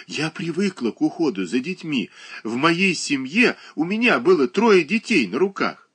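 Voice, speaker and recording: A man voicing a poor, earnest young woman who pleads quietly for work. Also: a little high, sing-song, normal speed, slightly rough, pitched above the performer's own voice, exaggerated voice. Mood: earnest pleading.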